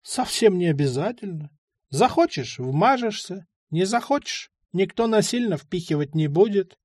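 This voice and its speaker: A man voicing a sly, rambling old male drug addict in an audiobook, with a high, shouting voice and halting, odd phrases. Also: expressive, no room sound, studio quality. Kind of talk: audiobook character voice.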